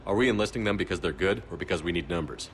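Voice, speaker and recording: A steady male military commander for a video game. He talks briskly in a low, direct, businesslike voice. There is faint noise behind him. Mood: probing, businesslike.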